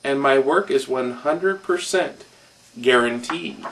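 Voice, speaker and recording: Guy reading a kids' story, doing a sly salesman type, smooth pitch, kinda far from the mic. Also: takes it slowly, fairly bright tone, a little hiss or hum. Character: sly fast-talking male salesman.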